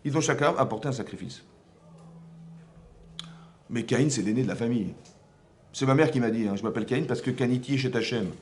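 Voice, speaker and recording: Man teaching a torah class, animated, keeps asking questions, slight hiss behind. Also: mid-range voice, fairly quick, long pauses. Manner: animated, full of rhetorical questions. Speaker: rabbi teaching a women's class. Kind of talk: religious lecture.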